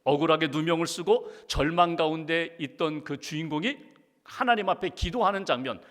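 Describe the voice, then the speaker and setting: A man's voice: fairly high pitch, moderate pace, a bit bright. A middle-aged man, a pastor, preaching a sermon with earnest conviction, at times pleading in prayer. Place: large church sanctuary. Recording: church hall reverb.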